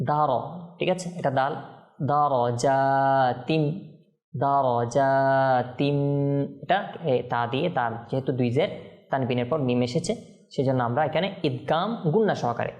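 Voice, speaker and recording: A man teaching Quran recitation on a televised lesson. He chants the verses slowly, repeats single words to drill them, and breaks in with quick explanations and frequent check-ins with the viewer. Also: medium pitch, expressive, darkish tone.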